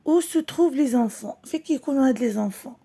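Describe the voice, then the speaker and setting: A woman teacher with a Moroccan accent giving a reading lesson, reading slowly and clearly, then explaining quickly. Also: high voice, animated, dark tone. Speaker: primary school French teacher.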